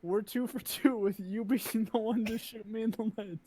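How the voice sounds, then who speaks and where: High-voiced, sardonic joking player. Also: male voice, fairly even intonation, normal speed, very noisy. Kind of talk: in-character tabletop play.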